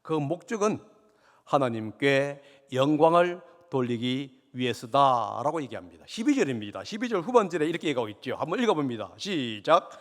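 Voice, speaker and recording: A man preaching a sermon as pastor, earnest, swelling louder on key points and dropping low at the ends of phrases. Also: sing-song, normal speed. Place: church sanctuary. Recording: long church reverb.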